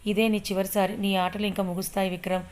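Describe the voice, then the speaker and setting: A woman's voice: mid-range voice, little pitch movement, quick pace, darkish tone, a little hiss or hum, natural voice. A woman voicing a brave young male hero in an audio story, earnest and determined.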